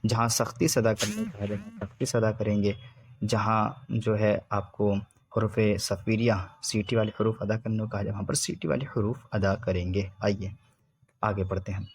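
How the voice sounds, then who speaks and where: A male teacher giving a recitation lesson, drawing out syllables slowly in drills and explaining quickly in between. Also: lowish voice, steady tone, slightly rough. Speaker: Quran reading teacher.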